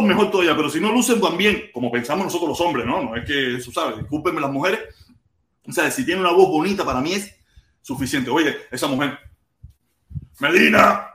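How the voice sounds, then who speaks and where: Lively Cuban man with a high, animated voice. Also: echoey room. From Cuba. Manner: playful, loud, repeats himself, bursts into shouts. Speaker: livestream host. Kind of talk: casual live chat.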